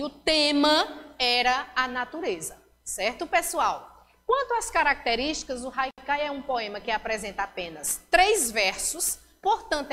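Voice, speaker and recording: A woman's voice: high voice, fairly bright tone, in a large hall, a little hiss or hum. A woman teacher with a Brazilian Portuguese accent explains a lesson and keeps checking in with her students through short tag questions. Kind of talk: recorded classroom lesson.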